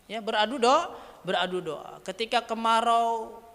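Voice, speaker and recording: Male preacher, very high bright voice, chatty storyteller who quizzes the audience, reverberant hall. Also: normal speed, gravelly. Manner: mixes in Javanese words. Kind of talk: dawn religious lecture.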